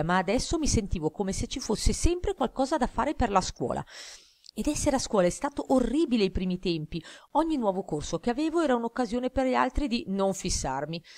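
A woman narrating an audiobook in a measured, expressive reading style. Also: medium pitch, dry recording. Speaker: audiobook reader. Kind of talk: scripted narration.

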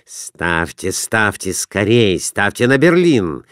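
A man voicing a calm middle-aged captain who gives quiet, persuasive advice. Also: lowish voice, takes it slowly, dry recording, studio quality, full character voice. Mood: coaxing.

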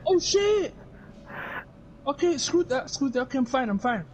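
A man's voice: very high-pitched, lively intonation, quick pace, crowd noise. A young man with an urban British accent, commentating on a co-op horror game as a scared streamer, panicky and repeating himself. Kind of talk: excited co-op horror gameplay commentary.

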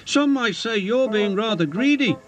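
A man's voice: high-pitched, lively intonation, normal speed, a bit bright, voice pushed up. A man voicing a cheeky male engine with a mocking, teasing way of talking.

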